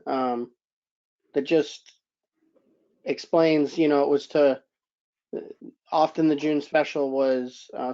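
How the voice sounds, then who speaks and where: Hesitant man with a mellow, dull-sounding voice. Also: medium pitch. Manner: hesitant, searching for words with many fillers. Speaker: board member. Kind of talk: public meeting discussion.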